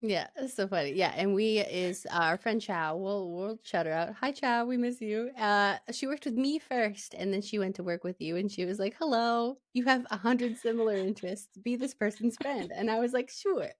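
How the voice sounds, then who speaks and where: A woman's voice: mid-range voice, moderate pace, few pauses, dry recording, studio quality. A young woman from Alberta hosting a casual book podcast, bubbly and chatty, laughing often and leaning on filler words. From Canada, Alberta. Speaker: podcast host.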